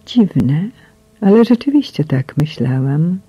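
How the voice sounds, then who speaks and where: Breathy woman reading an audiobook. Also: low-pitched, big pitch swings, slow pace, dark tone, no room sound. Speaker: audiobook reader. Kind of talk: first-person audiobook narration. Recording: slightly muffled, dry.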